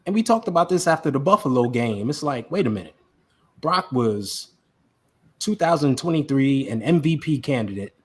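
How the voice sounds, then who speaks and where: A husky-voiced man co-hosting a sports podcast in a relaxed chat. He talks with animation and hammers points home by repeating words. His pitch sits in an ordinary middle range. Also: normal speed. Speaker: podcast co-host.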